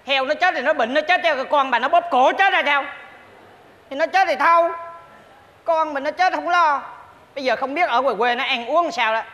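A glib, stingy country husband. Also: male voice, very high voice, moderate pace, sharp tone, long reverb tail. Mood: teasing. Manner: glib, teasing, argumentative. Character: cheeky rural older husband, stingy and glib. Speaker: comedy sketch actor. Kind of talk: stage comedy sketch acting.

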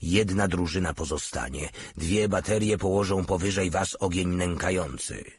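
A man voicing a curt, authoritative male battalion commander in an audiobook, with a husky voice. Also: sits low, normal speed.

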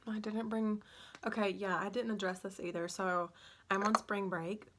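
A woman's voice: medium pitch, level tone, moderate pace, heavy background noise. A young woman chatting casually through a makeup tutorial, drowsy and scattered, talking with a sore, barely opened mouth after having her wisdom teeth out. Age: young adult. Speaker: beauty vlogger. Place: indoor room at home. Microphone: phone on a stand at about arm's length.

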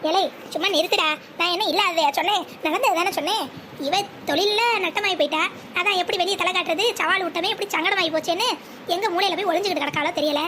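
A woman's voice: very high-pitched, quick pace, pushed and bright, slight background noise. A woman voicing a spiteful cartoon grandma. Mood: scornful. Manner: scornful, gloating, scolding. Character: spiteful scheming old grandmother.

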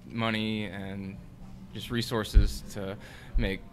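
Young male guest, lowish voice, hesitant, lots of ums, faint hum. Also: little pitch movement. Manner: halting, searching for words, many ums. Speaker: features intern, guest. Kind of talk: casual newsroom chat. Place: newsroom studio. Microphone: desk microphone.

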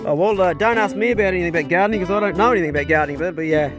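A male vlogger with a broad Kiwi accent and a fairly high voice. He chats in a matey, blokey way, casual and unpolished, filming outdoors on his phone with music around him. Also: rapid-fire. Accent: broad New Zealand. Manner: blokey, matey, laid-back swearing. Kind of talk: casual DIY vlog chat. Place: outdoors on a rural property. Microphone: handheld phone.

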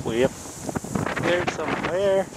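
A man giving casual running commentary while filming a hunting trip in snowy mountains, relaxed and plain, laughing now and then. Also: fairly high pitch, measured pace. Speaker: videographer narrating a hunting trip. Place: outdoors in snowy mountains, windy. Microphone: handheld camera mic. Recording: wind noise on a camera mic.

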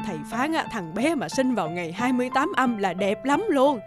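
A woman's voice: fairly high pitch, expressive, a little fast, close to an everyday voice. A woman voicing a superstitious, bossy older mother-in-law who nags and scolds in a cartoon. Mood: insistent. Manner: nagging, scolding. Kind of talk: cartoon dubbing. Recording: loud background music.

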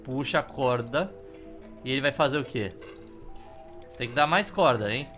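A man's voice: medium pitch, expressive, moderate pace, a bit bright. A Brazilian man casually commentating a video game as he plays, with wry, offhand humour. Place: indoor room. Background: game music.

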